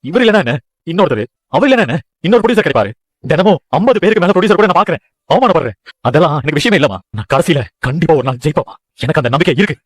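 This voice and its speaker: A man's voice: a little high, very animated, very fast, dry recording. An actor playing a discouraged young man who tells his mother about chasing his film dreams, earnest and downcast. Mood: dejected. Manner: dejected, earnest, pleading. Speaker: son, aspiring film director. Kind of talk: TV serial acting.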